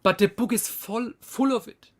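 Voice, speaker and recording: A man's voice: very high-pitched, normal speed, a bit bright. German-accented man in casual chat. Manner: blunt, joking about swearing. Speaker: guest. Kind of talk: casual group video chat.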